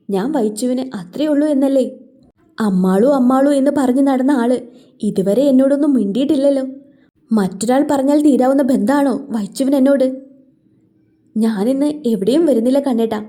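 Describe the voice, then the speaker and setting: A woman's voice: high-pitched, fairly quick, dark tone. A woman voicing a hurt young wife who talks in a pleading, tearful way.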